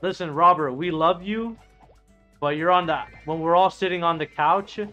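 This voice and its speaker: On a muffled recording with faint music behind, a man in his late thirties speaks at a normal speed in a fairly high, sharp-toned voice. He streams an online game, chatting casually and reading viewer messages aloud while rambling, swearing, and restarting sentences.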